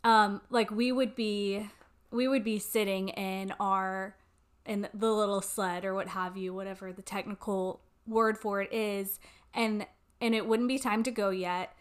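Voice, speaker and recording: A woman's voice: mid-range voice, fairly even intonation, unhurried, clean tone. A young woman co-hosting a casual chat, enthusiastic and chiming in with short agreements.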